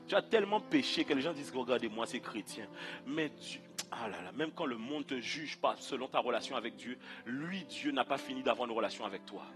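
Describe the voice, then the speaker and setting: A man's voice: medium pitch, lively intonation, fairly quick, over music. A male pastor from Guadeloupe, preaching a fervent sermon with repeated phrases and calls to the congregation.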